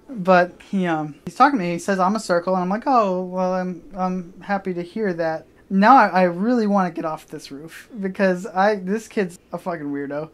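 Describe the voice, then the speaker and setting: A woman telling a comedic personal story on stage, animated and profane, with many restarts and acted-out asides. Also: fairly low pitch.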